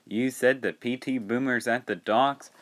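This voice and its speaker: A man's voice: mid-range voice, steady tone, measured pace, a bit bright, natural voice. A man voicing a nervous little tram engine in a homemade storybook tale. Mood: worried. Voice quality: worried.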